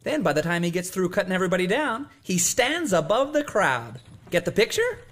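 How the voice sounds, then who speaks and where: A woman's voice: fairly low pitch, sing-song, fairly quick. A woman playing a bossy, cynical, folksy schemer who coaches a youngster in a children's cartoon adventure. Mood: instructing.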